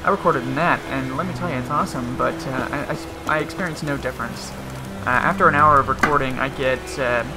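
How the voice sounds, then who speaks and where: A gaming video host gives casual, rambling let's-play commentary, often interrupting himself, in a medium-pitched, quick voice. The recording is low quality, with video game music and sounds behind him.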